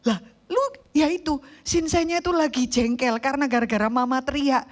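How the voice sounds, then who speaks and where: High-voiced woman preaching a lively sermon. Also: brisk. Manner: animated storytelling, acts out quoted voices.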